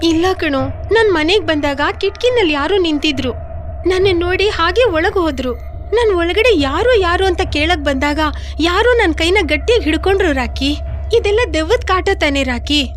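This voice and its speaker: A woman's voice: very high voice, expressive, a little fast, a little hiss or hum. A woman dubbing a frightened young orphan woman who talks tearfully and pleads in a film. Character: frightened young woman, orphan, weeping over her brother. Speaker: dubbing actor. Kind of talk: dubbed film dialogue.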